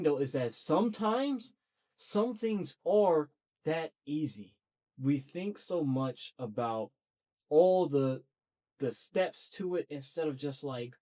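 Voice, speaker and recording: Medium in pitch and dark in tone, this young man's voice carries a long, earnest talk to camera about starting a podcast. As the host, he keeps it loose and chatty, a talkative and self-motivating casual solo monologue.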